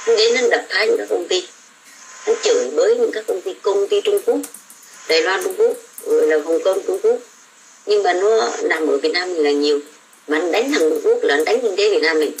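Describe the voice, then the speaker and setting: A woman's voice: sits low, a little hiss or hum, rough recording. An older woman, a domestic worker abroad, ranting about politics in a blunt, scolding way. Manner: blunt, scolding, coarse words. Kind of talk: casual political rant.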